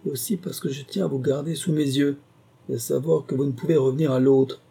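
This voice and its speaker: A man's voice: medium pitch, fairly even intonation, brisk, creaky, dark tone, slightly rough, voice pushed up. A man reading a story, voicing a stern, hostile old husband who mocks his wife. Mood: cold. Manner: mocking, growling.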